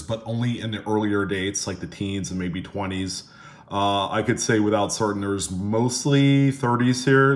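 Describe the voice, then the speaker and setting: A man hosting a casual hobby vlog, speaking haltingly and slightly slurred, with half his face numb from the dentist. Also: mid-range voice. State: half of face numb after dental filling. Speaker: coin hobbyist video host. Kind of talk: casual hands-on vlog commentary.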